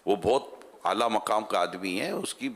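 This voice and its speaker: A male preacher voicing a modest, humble man who speaks softly and self-effacingly while praising his friend, in a lower voice than his own. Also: long reverb tail, close to an everyday voice.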